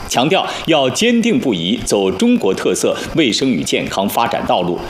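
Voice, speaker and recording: A man's voice: mid-range voice, reverberant, slight background noise. A man reading a scripted national newscast as a formal news anchor in standard mainland Mandarin.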